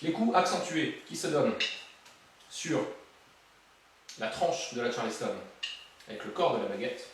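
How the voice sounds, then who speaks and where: In a room with a drum kit, a man gives a drum lesson, counting beats aloud and making playful, jokey asides between exercises while drums play behind him. His mid-range voice has lively intonation and an unhurried pace with long pauses. The room is very echoey, his voice sounds distant, and there's a little hiss or hum.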